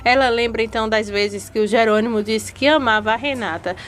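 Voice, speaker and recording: A woman's voice: a little high, fairly quick, a bit bright. A woman retelling telenovela episodes in a casual, chatty way, joining her sentences with fillers. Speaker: telenovela recap narrator.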